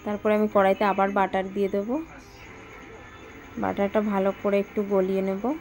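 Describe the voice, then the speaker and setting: A woman's voice: medium pitch, flat delivery, normal speed, a little mellow, faint music behind. A woman with a Bengali accent, chatting viewers through a home cooking vlog step by step and cooing at her toddler. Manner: chatty, talks viewers through each step, sing-song baby talk to her toddler. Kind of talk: casual cooking vlog narration.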